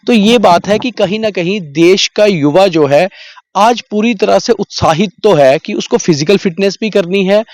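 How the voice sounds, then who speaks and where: A man's voice: high voice, darkish tone, dry recording. A male field reporter on an outdoor ground, asking trainees probing, conversational questions. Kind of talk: street interview.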